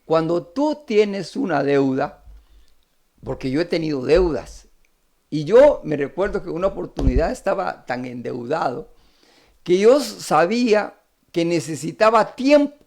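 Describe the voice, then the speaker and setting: A man's voice: fairly high pitch, measured pace. A man with a Costa Rican Spanish accent preaching a sermon, acting out the characters' pleas as he retells a parable. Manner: animated, acts out the characters' pleas.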